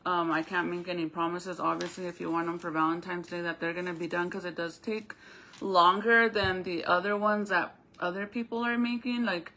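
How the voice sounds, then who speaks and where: Bright-voiced woman talking with a retainer in. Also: fairly low pitch, steady tone, normal speed, poor audio. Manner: speaking with a retainer in her mouth; informal, conversational, addresses viewers directly. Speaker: crafter hosting a live stream. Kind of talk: casual live-stream chat, explaining a craft to viewers.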